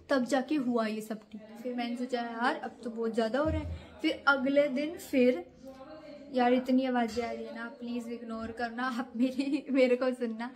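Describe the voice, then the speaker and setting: A woman's voice: fairly high pitch, darkish tone. A young woman vlogger chatting casually to camera, rambling through a scary story from her own nights.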